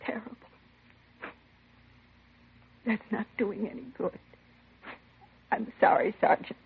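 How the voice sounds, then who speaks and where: In a 1950s radio crime drama, an actress plays a composed middle-aged mother whose son has been slain, answering plainly and with restraint despite her distress. Her mid-range voice is fairly even, at a moderate pace, close to an everyday voice. The vintage recording sounds narrow and husky, with slight background noise.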